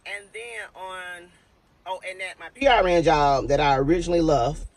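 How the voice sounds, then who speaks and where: A woman's voice: lowish voice, moderate pace, low-quality recording. A woman who works as a nurse, telling a story to her viewers in a casual, emphatic way and calling them y'all.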